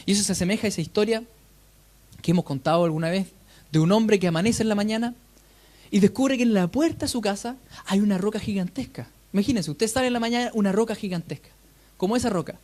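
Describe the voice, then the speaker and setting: A preacher delivering a sermon in a lively storytelling manner, often turning to the congregation with rhetorical questions. The voice sits at an ordinary pitch with a mellow, warm tone. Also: fast.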